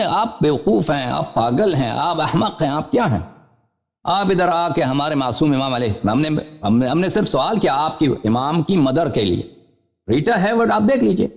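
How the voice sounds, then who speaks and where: A man hosting a live call-in religious debate, combative and interrupting. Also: gravelly. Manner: combative and interrupting, voice swinging widely in pitch.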